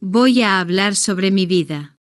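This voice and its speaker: A language-learning narrator reads a beginner's story slowly and deliberately, separating each short sentence. Her mid-range voice is smooth and well-rounded. The recording is close and dry, with no room sound at all.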